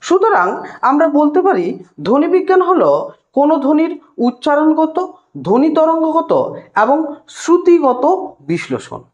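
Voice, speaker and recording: High, lively woman tutor, lo-fi sound. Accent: West Bengal Bengali. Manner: explains step by step, addresses students directly; sounds out single sounds slowly. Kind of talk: recorded lesson lecture.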